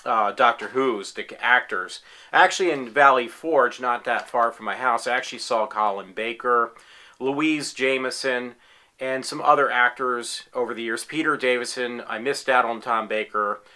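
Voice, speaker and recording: Sitting in his room at home, a fortysomething man records a casual tryout video, rambling enthusiastically like an eager fan, full of fillers and restarts. His medium-pitched voice is pushed and bright, steady in tone, at normal speed.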